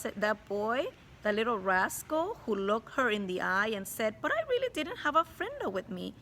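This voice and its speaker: This low-quality recording, with slight background noise, captures a woman teacher of medium pitch reading a chapter book aloud. She breaks off warmly to explain things directly to the children listening, mixing storytelling with commentary.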